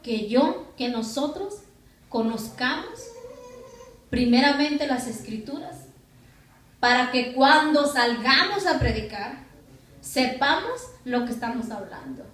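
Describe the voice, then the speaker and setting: A woman's voice: high voice, expressive, slow, a bit bright. A woman pastor, preaching a sermon and putting rhetorical questions to her congregation. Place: church hall. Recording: echoey church from far off.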